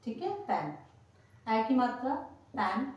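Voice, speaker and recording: Woman teacher, fairly high voice, talks real slow and patient, spells stuff out, very echoey room and she's off mic a bit. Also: lively intonation, a little mellow, distant mic. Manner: patient, spells words letter by letter and repeats them. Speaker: English pronunciation teacher. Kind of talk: slow spoken lesson.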